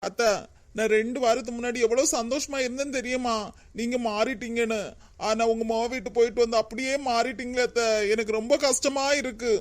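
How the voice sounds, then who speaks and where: A woman's voice: on the high side, steady tone, fairly quick, natural voice. A woman voicing a put-upon young daughter-in-law in a cartoon, pleading and anxious, with a Kanyakumari Tamil accent. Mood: upset pleading. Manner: plaintive, pleading. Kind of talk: cartoon voice acting.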